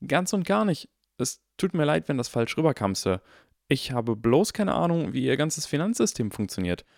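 A man voicing an eager, clever boy of about eleven in an audiobook, asking quick, earnest questions. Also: on the high side, very animated, creaky, darkish tone, no room sound, clean studio sound, voice pushed up. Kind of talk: audiobook character voice.

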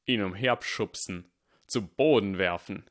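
A man voicing a stern, cunning male teacher who speaks calmly, deliberately and firmly. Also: on the low side. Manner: calm, deliberate and firm.

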